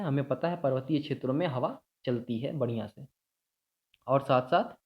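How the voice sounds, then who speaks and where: A man explaining a school science lesson step by step, often checking in with his students. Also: fairly high pitch. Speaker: teacher. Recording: dull lo-fi sound.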